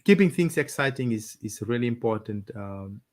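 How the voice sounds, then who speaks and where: Halting, chuckling man co-hosting. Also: mid-range voice, lively intonation. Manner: halting, many restarts, chuckling. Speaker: co-host of a couple's live talk. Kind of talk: casual live chat.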